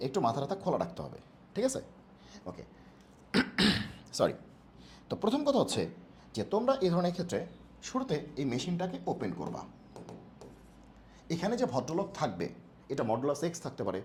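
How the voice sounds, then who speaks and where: A man tutoring math for an exam, fast and playful, using jokey homely analogies. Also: mid-range voice, darkish tone, slight background noise. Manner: talks fast on purpose. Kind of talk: exam-prep math lesson.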